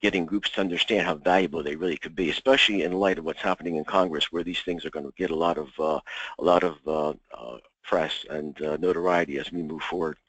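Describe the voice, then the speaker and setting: A man giving an insurance webinar, walking through slides in a halting way with many ums and uhs. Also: a bass voice, steady tone, fairly bright tone, husky, dry recording, rough recording. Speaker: insurance sales presenter.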